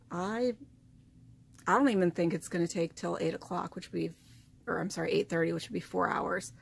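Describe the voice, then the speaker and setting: A woman's voice: fairly low pitch, vocal fry. A woman talking informally and self-deprecatingly as she narrates a casual craft vlog. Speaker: sewing vlogger.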